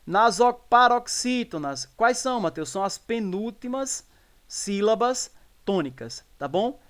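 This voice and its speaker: A man with a Brazilian Portuguese accent teaching an exam-prep spelling lesson. He checks in often with the listeners and asks and answers his own questions. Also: high-pitched. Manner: explanatory, repeats checks like "tá bom?".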